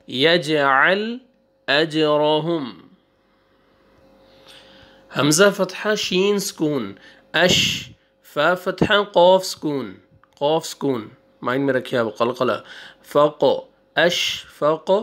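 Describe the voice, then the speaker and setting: A male Quran teacher spelling out syllables one by one, drawing out the recited words and giving quick asides between them. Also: a little high, a bit bright. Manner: slow drawn-out recitation, then quick asides. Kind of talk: spelling out syllables in a reading lesson.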